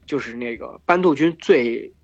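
A hoarse man hosting a podcast, retelling an epic in casual chat, full of fillers and restarts. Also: mid-range voice, normal speed. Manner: rambling with many fillers and restarts. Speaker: podcast host retelling myths. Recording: dull lo-fi podcast recording with faint music.

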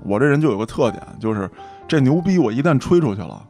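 A man's voice: mid-range voice, lively intonation, fast talker, mellow, faint music behind. A man with a Beijing accent chatting casually, jokey and colloquial with some mild swearing. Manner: colloquial, jokey, mildly profane. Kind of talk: casual chat.

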